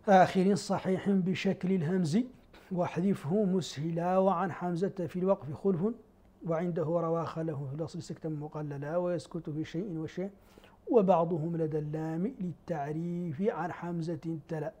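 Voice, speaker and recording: A man teaching the variant Quran readings in a televised lesson. He switches between spoken explanation and slow, melodic recitation of verses and rhyming rule poems. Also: a little high, fairly even intonation, dark tone. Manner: quotes didactic verse rules in a chanting rhythm. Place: television studio.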